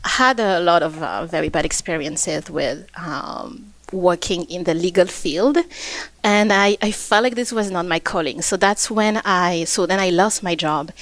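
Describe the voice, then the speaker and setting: A woman with a French accent talks as a podcast guest, friendly and plain, with small fillers between thoughts. Her voice sits a little low and sounds close and dry. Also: unhurried, no echo. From Reunion Island, France. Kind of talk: interview conversation.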